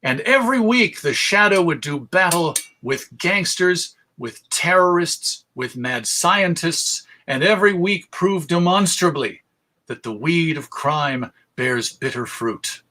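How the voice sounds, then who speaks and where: A man who presents and hosts a radio show gives an illustrated history talk to an audience, telling it like a story in an emphatic, conversational style. His voice is on the high side and sharp in tone, with lively intonation and an unhurried pace.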